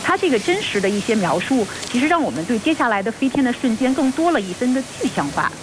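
A woman reporting live from outdoors as a news correspondent, speaking earnestly and formally with hesitant pauses as she improvises. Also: on the high side. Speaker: field reporter for a radio broadcast. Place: outdoors at a launch site. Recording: noisy outdoor live feed with steady hiss.

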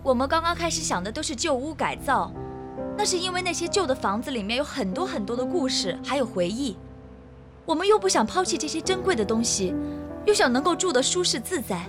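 An actress playing a sweet, earnest young daughter in a television drama. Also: female voice, high voice. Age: young adult.

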